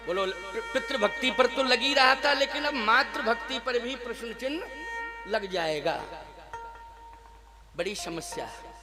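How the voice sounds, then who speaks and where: A man's voice: extremely high pitch, animated, measured pace, pauses often. A man preaching a devotional sermon, asking the audience rhetorical questions and chanting scripture verses. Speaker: spiritual preacher. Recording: music playing behind the voice.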